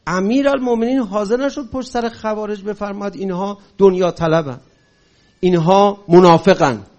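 High-pitched man giving a fiery lecture. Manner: rises to forceful shouting on key points. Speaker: speaker. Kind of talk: impassioned religious-political lecture.

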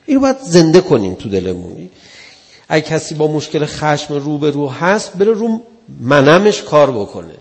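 A man's voice: a little high, wildly swooping pitch, big-room sound. A man giving an earnest religious sermon in a conversational way, acting out the people he quotes. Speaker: preacher.

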